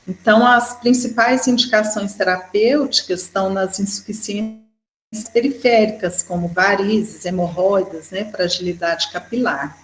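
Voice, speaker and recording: A Brazilian woman lectures at a medium pitch, her voice bouncing around a reverberant room. She explains point by point and keeps tagging her sentences with a quick "né". The sound is that of a recorded class talk. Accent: Brazilian Portuguese. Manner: explanatory, with frequent "né" fillers. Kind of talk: educational lecture. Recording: echoey room.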